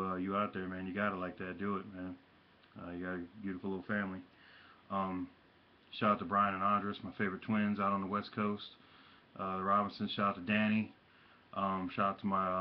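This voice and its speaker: A man casually showing off his hat and jersey pickups from his room at home, talking haltingly with lots of ums and uhs and slangy shout-outs, and he has the hiccups. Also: deep voice, lo-fi sound, slight background noise. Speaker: hat and jersey collector vlogger. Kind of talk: casual show-and-tell vlog.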